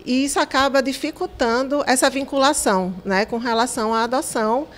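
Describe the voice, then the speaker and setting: A woman's voice: high-pitched, a little fast, slight background noise. A woman with a Brazilian accent giving an unscripted, somewhat hesitant explanation in an interview.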